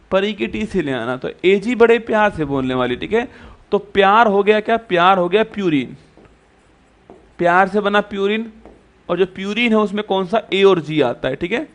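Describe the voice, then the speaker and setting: A male teacher giving an exam-prep lecture who keeps repeating points and quizzing students with rhetorical questions. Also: high voice.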